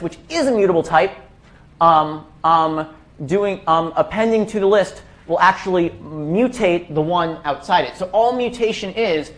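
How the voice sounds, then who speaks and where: A young man with a high voice leads a casual live coding lesson in a classroom. He talks loosely, stacking fillers and restarting his sentences as he goes. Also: fairly bright tone. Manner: casual, many fillers and self-corrections. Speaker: workshop instructor.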